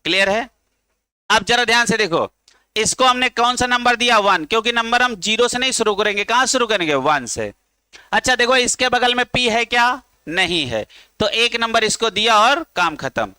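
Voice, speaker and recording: A man's voice: very high voice, expressive, normal speed, pushed and bright, clean tone, no room sound. A male chemistry teacher giving a classroom lecture, coaxing his students and drilling them to chant along.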